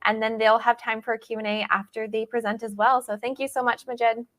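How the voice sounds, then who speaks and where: Higher-voiced woman hosting an event. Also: level tone, a little fast, a bit bright. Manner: upbeat, thanking and introducing speakers. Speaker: event host. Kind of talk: moderating a live online event.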